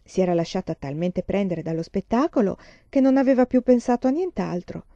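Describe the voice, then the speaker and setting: A woman reads a storybook aloud in a calm, even way. Her voice is mellow and soft rather than bright. The recording is dry and dull, with a muffled top end. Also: medium pitch, fairly quick, no room sound. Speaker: reader. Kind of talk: storybook reading.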